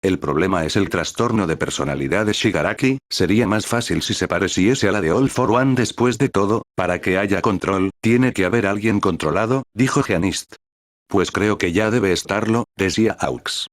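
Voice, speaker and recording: A man reading a fan fiction story aloud, narrating action and dialogue tags in a steady storybook manner. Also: deep voice, moderate pace, no room sound, clean studio sound. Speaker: fanfic narrator.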